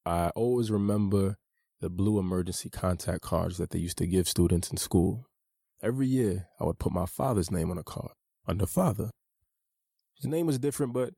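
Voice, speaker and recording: In this audiobook, a man from the United States reads his memoir in an earnest, measured, personal way. The voice is very low and gravelly, dark yet mellow, and the close, dry recording carries no room sound.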